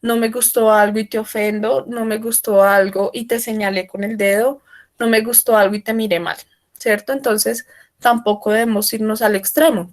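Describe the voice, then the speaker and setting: A woman giving an online workshop, explaining loudly and often checking in with her listeners. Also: on the high side. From Colombia. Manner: explanatory, asks frequent check-in questions; speaking loudly for remote listeners. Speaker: workshop trainer. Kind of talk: online training talk.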